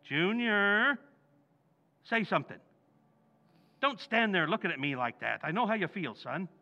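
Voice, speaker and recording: A male actor plays a bumbling, guilt-ridden middle-aged American husband and father in an old-time radio comedy, his high voice swooping anxiously as he pleads in flustered, colloquial working-class talk. The delivery is animated yet unhurried, pushed, bright and heavily acted. The recording sounds slightly dull.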